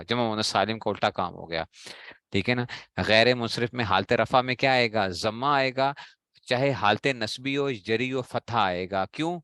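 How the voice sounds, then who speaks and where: A man's voice: on the low side, a bit bright, clean tone, dry recording. A man teaching Arabic grammar to a class, drilling his students with repeated questions and answers in a Pakistani Urdu accent. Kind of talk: classroom lecture.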